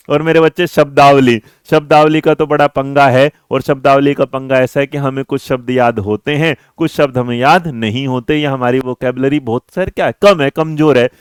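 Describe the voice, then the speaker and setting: A man's voice: on the high side, clean tone, dry recording, clean studio sound. Chatty, teasing young man teaching online. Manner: chatty, teasing, addresses students as his children. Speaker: exam-prep teacher. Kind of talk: online exam-prep lecture.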